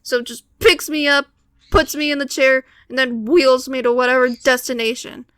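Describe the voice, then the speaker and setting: A woman's voice: high voice, steady tone, moderate pace, a bit bright, smooth, no room sound. A teenage girl telling a personal story casually, with wry, exasperated complaints and acted-out quotes.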